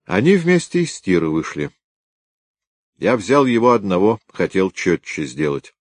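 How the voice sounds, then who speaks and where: A brisk young field detective, matter-of-fact, pitched higher than the reader's own low voice, as a male narrator voices him. Dry close-miked reading. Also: sing-song, no echo, exaggerated voice. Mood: reporting.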